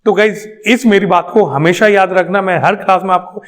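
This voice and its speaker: A male English trainer lectures his class emphatically in a high, somewhat bright voice at a moderate pace. He repeats his points and answers his own questions.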